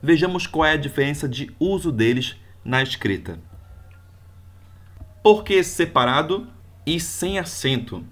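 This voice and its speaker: A man's voice: on the high side, expressive, unhurried, long pauses, fairly bright tone. Man giving a grammar lesson. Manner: didactic, explains step by step with examples. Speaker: Portuguese teacher.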